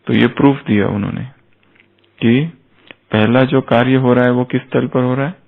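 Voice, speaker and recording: A man with a rough, gravelly edge to his voice delivers an explanatory spiritual talk. He keeps posing rhetorical questions to his listeners and slips English terms into his speech. The sound is thin and tinny, like a phone line. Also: mid-range voice, steady tone, moderate pace. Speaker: spiritual lecturer. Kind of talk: explanatory discourse.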